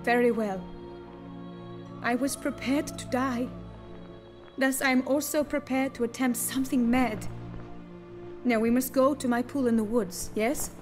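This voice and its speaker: A woman's voice: on the high side, fairly even intonation, unhurried, pauses often, music in the background, lightly acted. An actress playing a proud, troubled noblewoman with formal, courtly diction in a fantasy game. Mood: troubled, resigned. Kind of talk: dramatic fantasy game acting.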